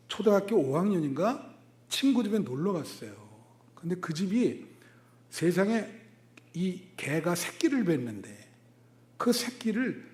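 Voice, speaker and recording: A middle-aged male pastor delivers a sermon in a high voice that leaps up and down with animated energy. He tells stories to his congregation, breaking into sudden loud bursts and quick asides. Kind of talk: sermon with storytelling.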